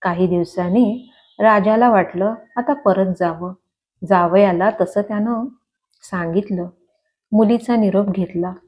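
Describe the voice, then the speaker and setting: A woman narrating a devotional folk story in a measured, expressive storytelling manner, on a dull lo-fi recording. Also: medium pitch.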